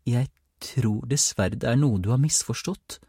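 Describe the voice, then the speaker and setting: A man's voice: medium pitch, vocal fry, warm tone, slightly rough, dry recording, clean studio sound, voice pushed up. A man voicing a polite, matter-of-fact woman official from a collection agency in an audiobook.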